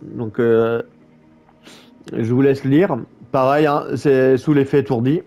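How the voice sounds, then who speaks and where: A man's voice: mid-range voice, fairly even intonation, slow pace, warm tone, lo-fi sound. A man talking through a game build in a casual voice-over, stumbling over words with many fillers and restarts. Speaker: gaming YouTuber. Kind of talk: casual gameplay guide voice-over.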